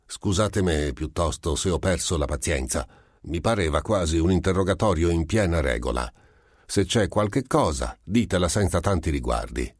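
A man's voice: deep voice, expressive, normal speed, slightly rough, no echo, studio quality, pitched above the performer's own voice. A man reading the part of an irritable, suspicious merchant who answers rudely and defensively. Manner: curt, defensive, increasingly loud. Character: irritable suspicious male merchant, middle-aged.

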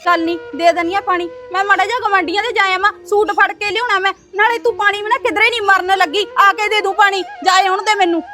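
A woman's voice: very high-pitched, fairly even intonation, fast talker, hardly any pauses, over music. A woman playing a greedy, spiteful daughter-in-law who taunts her mother-in-law. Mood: taunting. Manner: sneering, taunting.

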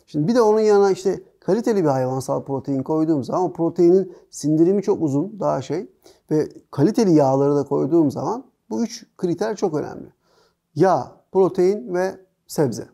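A man's voice: on the high side, animated, a little fast, vocal fry, mellow. A man as a guest on a talk show, explaining nutrition methodically in casual conversation.

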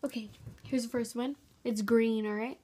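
A young woman with a slightly high voice records a casual vlog in her bedroom. She talks informally, straight to the camera at arm's length. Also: steady tone, normal speed, warm tone, slight background noise. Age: young adult. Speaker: vlogger. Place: bedroom, indoors. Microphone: phone or laptop at arm's length.

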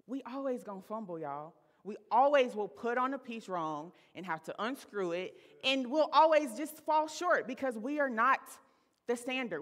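In a reverberant sanctuary, a woman in her thirties with a medium-pitched, somewhat bright voice preaches a sermon. She recounts a personal story in a chatty, laughing manner, calling her listeners y'all.

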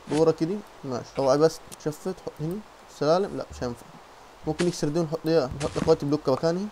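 A young man with an Egyptian Arabic accent, chatting excitedly through a game playthrough as a channel host, coaxing the animals and talking to viewers. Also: on the high side, a little hiss or hum. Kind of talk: Minecraft let's-play commentary.

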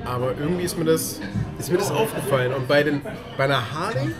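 Blunt, slangy young man over loud music. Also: fairly high pitch, lively intonation, fast talker. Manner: blunt, slangy, mock ranting. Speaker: friend and guest. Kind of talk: casual chat. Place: dim diner.

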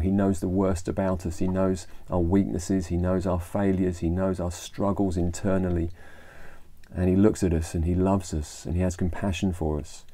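A man's voice: deep voice, mellow, dry recording. An English man giving an informal devotional talk, retelling a Bible story in a conversational way with fillers and restarts. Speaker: church leader.

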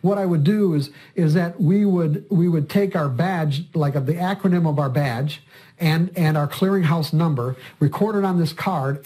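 An older man with a slightly high voice tells a long story in an interview. He explains things as a trading coach would. He often doubles back and repeats words as he goes. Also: dark tone.

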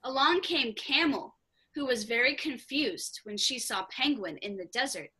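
A woman teacher reading a children's story aloud over a video call, with an expressive, animated delivery. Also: fairly high pitch, unhurried, husky, low-quality recording. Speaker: theatre teacher.

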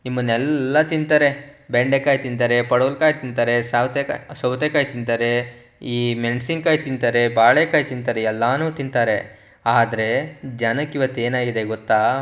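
A man's voice: mid-range voice, steady tone, unhurried, natural voice. A man voicing a hurt bitter gourd that feels unloved by everyone, on a dull lo-fi recording. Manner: hurt, plaintive, lecturing gently. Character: sad, overlooked bitter gourd.

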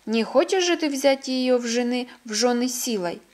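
A woman's voice: a little high, expressive, moderate pace, a little mellow, natural voice. A woman voicing a cheerful, eager young male blacksmith in a storybook reading. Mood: persuading. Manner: friendly, eager.

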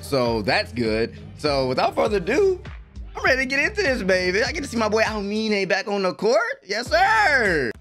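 A young adult man hosting anime reactions gives casual, slangy, exclamatory commentary from a small bedroom streaming setup, close to a desk microphone in front of him. His high voice swings hugely in pitch and sounds bright and forceful at a moderate pace, with faint music behind.

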